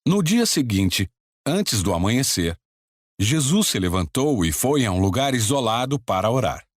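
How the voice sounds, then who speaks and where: A man reading scripture narration in a calm, steady way. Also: medium pitch, normal speed, no room sound, studio quality. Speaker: Bible narrator.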